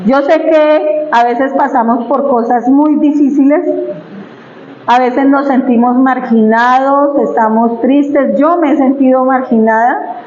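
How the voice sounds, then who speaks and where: A woman preacher with a high, slightly mellow voice speaks at a measured pace with fairly even intonation in a church hall. She shares personal testimony in a conversational, emotional way and asks the congregation questions, on an echoey, dull recording with slight background noise.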